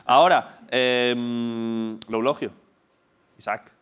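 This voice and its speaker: A man's voice: mid-range voice, steady tone, slow pace, a bit bright, clear, resonant tone. Playful male talk show host. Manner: playful, teasing, stumbles and restarts. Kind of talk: casual chat.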